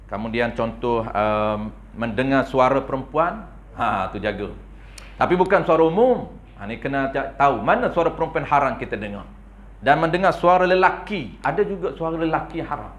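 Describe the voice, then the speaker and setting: A man with a Malaysian Malay accent giving a religious lecture in a prayer hall, animated and playful, often tagging his points with a questioning "ha?". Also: mid-range voice, normal speed. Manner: playful, acts out little scenes. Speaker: religious teacher.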